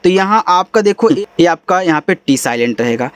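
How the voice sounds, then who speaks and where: High-voiced man teaching English, dry close sound. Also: animated, moderate pace, clean tone, dry recording. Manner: patient explaining; casual and friendly, says bhai and yaar. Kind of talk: spoken lesson.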